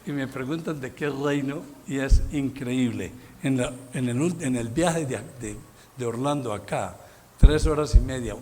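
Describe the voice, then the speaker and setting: A man preaching a Sunday sermon as pastor, emphatic, with sudden loud bursts and exclamations. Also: mid-range voice, slight background noise. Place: church sanctuary.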